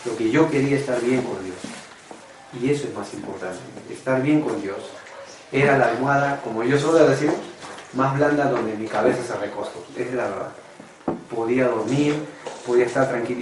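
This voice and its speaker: A man's voice: medium pitch, reverberant, distant mic, noisy background. A man preaching a personal testimony sermon, earnest and confessional, often calling his listeners brothers. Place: church meeting room.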